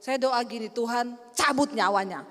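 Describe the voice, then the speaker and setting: A woman preacher voicing an embittered wife who calmly confides her grudges against her husband. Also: fairly high pitch, moderate pace, a little hiss or hum, close to an everyday voice. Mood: confiding. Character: embittered wife, matter-of-fact about poisoning her husband. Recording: long hall reverb.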